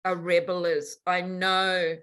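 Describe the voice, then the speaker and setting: A woman's voice: on the low side, slow, clear, resonant tone. A woman in her sixties, a podcast guest, speaking frankly and emphatically in a candid conversational interview. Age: 60s. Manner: frank and emphatic, swinging between soft and animated.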